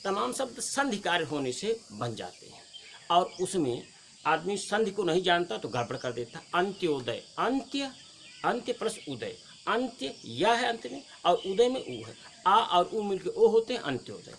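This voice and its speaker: Lively Indian man teaching outdoors. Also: sits high, moderate pace, creaky, a little hiss or hum. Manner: teacherly, addresses viewers as friends, explains step by step. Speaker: Hindi teacher. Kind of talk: spoken lesson on spelling. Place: outdoors in nature.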